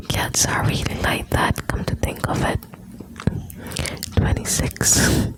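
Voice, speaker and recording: A woman whispering close to the ear in an intimate, soothing ASMR style, reading out short lines and chatting softly to the listener. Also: poor audio. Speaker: ASMR host reading quotes.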